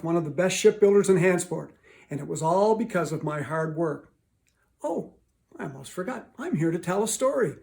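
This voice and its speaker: A man's voice: on the high side, gravelly, darkish tone. A man playing the proud, hard-working ghost of a 19th-century shipbuilder in a first-person monologue. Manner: proud, folksy.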